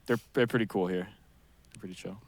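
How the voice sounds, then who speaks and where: A man's voice: low-pitched, steady tone, a little fast. A young man from Minnesota with a light Minnesotan accent, a musician guest chatting in a laid-back, slangy way and swearing often. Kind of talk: casual chat.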